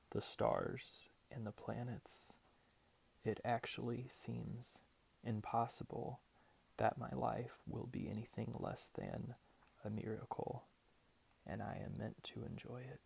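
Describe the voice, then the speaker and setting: A man in his twenties gives a soft, whispered ASMR pep talk in a hushed, deliberate manner with long pauses. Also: mid-range voice, creaky, breathy edge. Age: 20s. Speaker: ASMR creator reading positive affirmations. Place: small bedroom at home, indoors.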